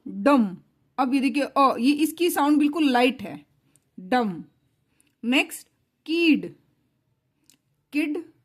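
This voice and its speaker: A woman teaching a shorthand lesson in Hindi mixed with English words, explaining step by step and checking understanding, with an Indian accent. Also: sits high.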